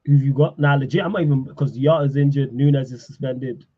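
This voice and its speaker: A man's voice: medium pitch, fast talker, highs cut off, slight background noise. A man joining a casual football chat as a guest, laid-back and quizzing his co-host.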